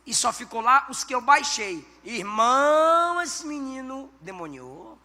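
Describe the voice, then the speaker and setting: A man, a pastor, preaching a sermon with animated storytelling and bursts of shouted emphasis. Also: very high voice, measured pace. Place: church. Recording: church hall reverb, faint background music.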